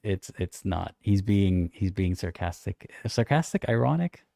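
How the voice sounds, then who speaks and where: A young man co-hosting a casual livestream chat, reading out viewer comments and answering them in a thoughtful, measured way. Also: low-pitched, lively intonation, gravelly, dark tone, dry recording, studio quality.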